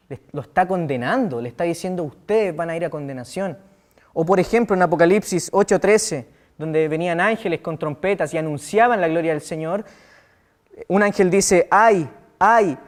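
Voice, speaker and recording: A young man with a Chilean accent preaches to a youth group in a high, light voice. He talks animatedly, switching between loud acted-out quotes and hushed asides. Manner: animated, acts out quotes with sudden loud outbursts and quiet asides. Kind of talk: sermon.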